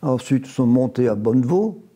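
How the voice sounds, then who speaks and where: An expressive, mellow, medium-pitched voice belongs to a man in his nineties giving an oral history interview. He lived in Italy as a small child and then grew up near Évian, France. He tells his story at a relaxed pace, often beginning again and amending his words.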